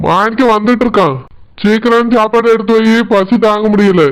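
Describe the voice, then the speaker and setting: A man's voice: high-pitched, fairly even intonation, moderate pace, very noisy, lightly acted. Man voicing a weary old village father. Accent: Tirunelveli Tamil. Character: tired hungry older village father.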